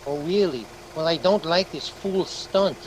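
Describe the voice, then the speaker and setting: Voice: measured pace, natural voice, low-quality recording. An actor's performance of a grumpy, tight-fisted male property owner in a radio drama, curt and sceptical. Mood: grumpy, dismissive. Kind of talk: old-time radio acting. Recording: faint engine rumble behind the voice.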